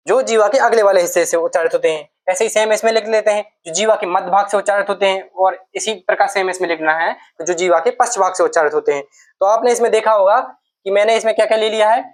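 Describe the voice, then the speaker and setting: A woman teaching a Hindi grammar lesson for exam preparation, explaining step by step, asking questions and answering them herself, and repeating key terms. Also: medium pitch.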